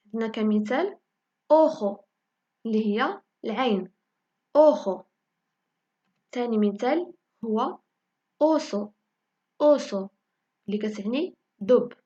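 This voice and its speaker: Moroccan woman teaching letters slowly. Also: on the high side, darkish tone, lo-fi sound. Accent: Moroccan Arabic. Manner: slow, repeats each word several times for learners. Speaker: language teacher. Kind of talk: spoken lesson in Moroccan Darija.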